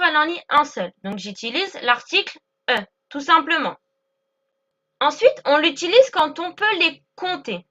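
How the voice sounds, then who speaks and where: Bright high-voiced woman teaching grammar. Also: muffled recording. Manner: patient, repeats examples slowly, checks with "d'accord?". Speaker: English teacher. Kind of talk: explaining English grammar lesson.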